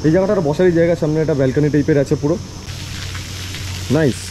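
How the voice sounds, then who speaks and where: A man's voice: fairly high pitch, quick pace. A man with a Bengali accent narrating a casual travel vlog, chatty and repeating phrases for emphasis. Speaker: travel vlogger. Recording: clear background noise, echo in big hall.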